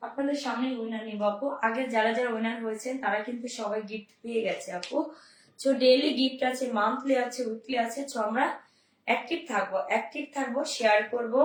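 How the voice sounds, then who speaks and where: Hoarse woman pitching clothes live. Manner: upbeat, repetitive selling calls to viewers. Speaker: online clothing seller. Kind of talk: live-stream sales pitch. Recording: roomy, mic at a distance.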